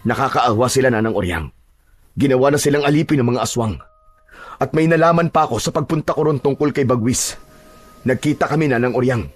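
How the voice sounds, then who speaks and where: In a narrated horror audio drama, a man voices a village chieftain who is calm and steadfast. He speaks in a measured, reassuring way, with a natural, medium-pitched voice.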